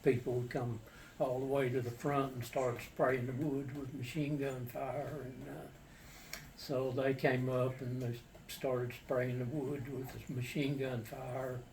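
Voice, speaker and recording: Older man, slow, flat, halting storyteller. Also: mid-range voice. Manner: halting, matter-of-fact, plain-spoken. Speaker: war veteran recounting his service. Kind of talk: casual personal storytelling. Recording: distant mic with faint background noise.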